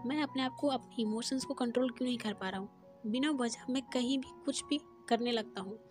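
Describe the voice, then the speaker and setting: An emotional young man confronts his doctor, demanding answers and stammering when shaken, voiced by a woman narrator. The voice sits a little high with faint music underneath. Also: fairly quick, close to an everyday voice. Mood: angry. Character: upset young male patient, emotional and angry.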